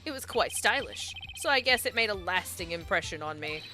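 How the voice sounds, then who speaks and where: A woman puts on a vain gentleman villain from a courtroom video game. He is pompous and affected, with swooping, theatrical pitch over music. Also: lively intonation, fairly quick, lightly acted. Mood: preening. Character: smug, flowery-tongued male witness, vain and theatrical.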